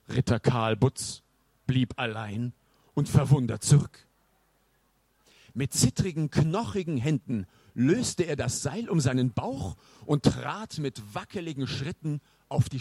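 A man reading a storybook in an expressive, measured narration. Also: mid-range voice, slightly rough, no echo.

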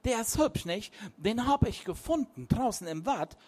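Man voicing an eager beachcomber, gushing, high, lively, storybook. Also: normal speed. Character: cheerful, enthusiastic male beachcomber.

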